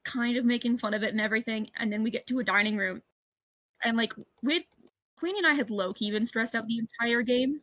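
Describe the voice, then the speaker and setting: A woman's voice: on the high side, a little fast, a bit bright, no room sound. A woman chatting and telling stories casually during a gaming stream, swearing now and then. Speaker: streamer co-player.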